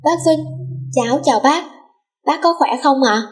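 A woman's voice: a little high, moderate pace, a little mellow, lightly acted. A woman voicing a cheerful, spoiled young rich girl in an audiobook, bubbly and cutesy. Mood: sweet, excited. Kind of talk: audiobook character voice.

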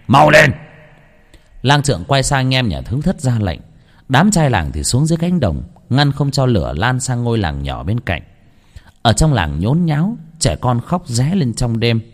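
A man narrates a scripted ghost story with dramatic expression. His pitch rides up and down in a lively way around a medium voice. He tells it with building tension.

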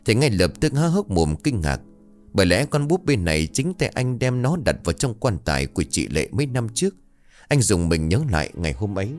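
A man narrating a ghost story in a dramatic, expressive reading style. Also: fairly low pitch, brisk. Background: faint music.

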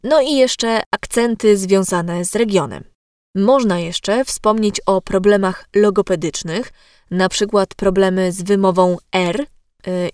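A woman hosting an educational podcast as a voice coach, speaking in a measured way directly to the listener. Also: medium pitch, a little mellow, no echo, studio quality.

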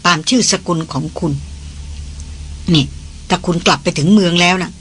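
A reader voicing an earnest titled lady on a jungle trek, who talks fast when anxious. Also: lowish voice, fairly bright tone, breathy edge. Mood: warm.

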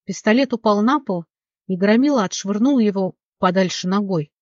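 Steady, dramatic audiobook narrator. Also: mid-range voice, moderate pace, no room sound. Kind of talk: scripted fantasy novel narration. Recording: dull dry recording.

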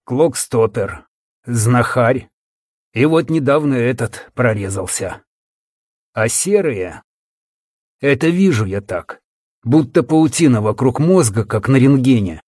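Guy doing a tired old healer, slow low murmur, dry close sound. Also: animated, darkish tone, dry recording. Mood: weary. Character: weary older male healer, calm and grave.

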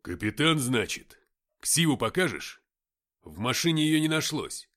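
A man's voice: medium pitch, sing-song, unhurried, a bit bright, voice pushed up. A man voicing a tall, stern army lieutenant who speaks curtly and commandingly, in an audiobook. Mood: skeptical. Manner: curt, commanding.

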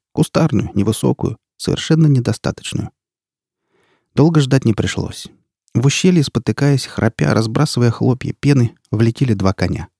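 A man narrating an audiobook in a measured, grave storytelling manner. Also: medium pitch, vocal fry, mellow, slightly rough, no echo, clean studio sound.

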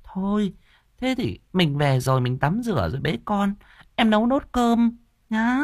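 A man voicing a cruel, shrill middle-aged stepmother who scolds fast and coaxes with fake sweetness. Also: sing-song, no room sound, clean studio sound, full character voice. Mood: defensive chatter. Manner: rapid nagging, fake sweetness when coaxing.

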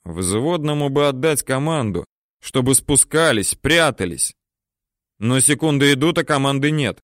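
A man narrating a war story audiobook in a steady, measured, terse manner. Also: mid-range voice, no echo, clean studio sound.

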